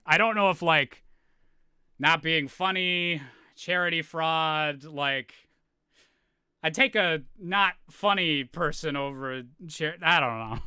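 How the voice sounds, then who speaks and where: A man's voice: fairly high pitch, sharp tone, smooth, no echo. Rambling Canadian man, dry close voice. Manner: rambling, halting, self-interrupting. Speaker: YouTuber reacting to his old videos. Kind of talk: casual reaction commentary.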